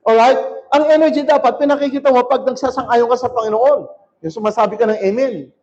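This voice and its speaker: A male pastor preaching a sermon in a church hall, shouting and calling on the crowd to answer back. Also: extremely high pitch, fairly quick. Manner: shouting, rousing, calls for crowd response. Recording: dull lo-fi recording.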